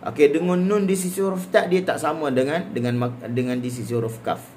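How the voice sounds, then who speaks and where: A man's voice: fairly high pitch, a little fast, a little mellow, a little hiss or hum. A man with a Malaysian Malay accent teaching Quran recitation in a live lesson. He breaks words into repeated syllables and then chants the verses melodically.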